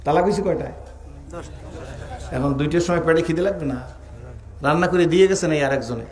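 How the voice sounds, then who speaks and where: A man's voice: a little high, brisk. Echoey preacher, man. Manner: rhetorical, asks the crowd to answer aloud; joking storyteller. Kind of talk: sermon. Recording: echoey sermon hall recording.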